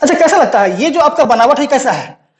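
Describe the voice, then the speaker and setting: A young man teaching maths in a classroom lecture. He explains slowly, asking questions and answering them himself. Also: extremely high pitch, expressive. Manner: slow, explanatory, asks and answers his own questions.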